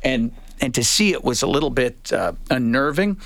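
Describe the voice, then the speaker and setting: A Canadian man co-hosting sports radio, giving casual commentary in a measured, halting way. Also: medium pitch, big pitch swings, creaky, a bit bright, no room sound. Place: radio studio.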